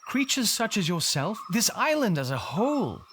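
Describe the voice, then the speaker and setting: An animated, well-spoken Hook. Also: male voice, sits high, moderate pace, a little hiss or hum. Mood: earnest, courteous. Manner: formal, articulate, eloquent. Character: grown Englishman banker turned self-styled captain, courteous and ambitious. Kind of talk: audio drama acting.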